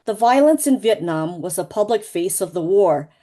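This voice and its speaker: Speaking earnestly and with measured care, a Laotian woman presents her co-authored book at an online launch by video call. She has a medium-pitched, warm voice and lively intonation.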